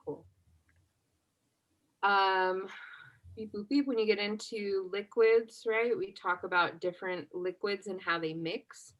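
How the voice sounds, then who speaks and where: A woman's voice: medium pitch, slow, highs cut off. A woman chemistry instructor leading an exam review, talking casually and checking in with the class after nearly every point. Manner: checks understanding constantly with "right?"; relaxed conversational teaching, asks class questions.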